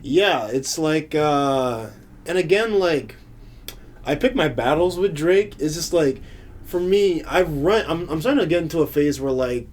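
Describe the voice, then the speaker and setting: Earnest young man with a slightly high voice. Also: animated, a little mellow. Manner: earnest, halting, many fillers. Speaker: podcast co-host. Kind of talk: casual chat.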